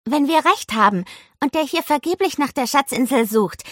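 A woman's voice: high-pitched, dry recording, clean studio sound, voice pushed up. A woman voicing an eager, clever young girl who plays detective in an audiobook. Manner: excited, quick to plan. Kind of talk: audiobook character voice.

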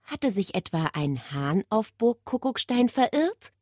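A woman narrating a children's audiobook with expressive, animated storytelling. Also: mid-range voice, unhurried, no echo, clean studio sound.

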